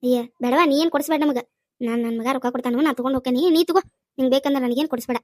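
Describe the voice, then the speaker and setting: A cranky old grandmother who can barely hear, played by a woman, scolding in a North Karnataka accent for a cartoon comedy. Her voice sits high and the words tumble out fast. The recording is dry and close. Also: a little mellow, dry recording. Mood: grumbling. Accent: North Karnataka Kannada. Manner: scolding, rambling, insists she is not deaf.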